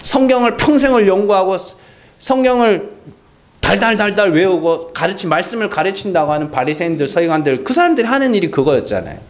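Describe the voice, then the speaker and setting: A male pastor preaching a Sunday sermon, asking rhetorical questions and acting out mocking dialogue. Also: high-pitched.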